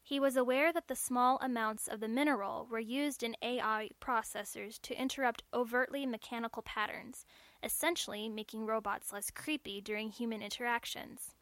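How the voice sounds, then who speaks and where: A woman narrating a story in a measured, clear storytelling manner. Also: on the high side, steady tone, a bit bright, no echo.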